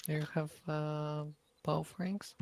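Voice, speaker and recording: A woman's voice: sits low, level tone, takes it slowly, darkish tone, slight background noise. A woman chatting casually as a partner in a co-op video game. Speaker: co-op gaming partner. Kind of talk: casual gameplay chat.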